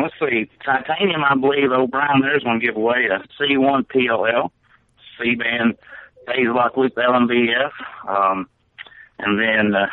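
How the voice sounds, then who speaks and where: A man co-hosting a call-in radio show, talking loosely with fillers as he reads out numbers and prizes. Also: mid-range voice. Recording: phone-like narrow line.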